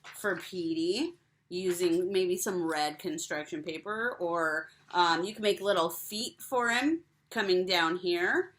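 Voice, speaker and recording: A woman's voice: fairly low pitch, slow pace, fairly bright tone. A young woman giving cheerful step-by-step craft instructions to children. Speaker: teacher.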